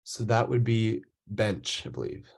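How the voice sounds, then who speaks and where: Husky, mellow man moderating a session. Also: on the low side, very animated, unhurried. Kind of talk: casual online class moderating.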